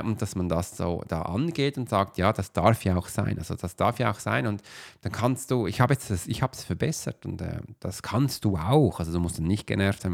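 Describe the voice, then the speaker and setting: A man who is a podcast host and coach talks casually at his computer while uploading a video, rambling and full of filler sounds. His voice is fairly low in pitch and creaky.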